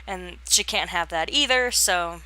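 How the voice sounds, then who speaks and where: A young woman talks through her game build in a loose, rambling way, stopping and restarting her sentences often. Her voice is bright and forward, and the recording is dry with no room sound. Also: lowish voice, a little slow, no echo. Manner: rambling, hesitant, lots of fillers and restarts; yawns and laughs while talking. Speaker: gaming channel host. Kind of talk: casual voice-over commentary on a home build.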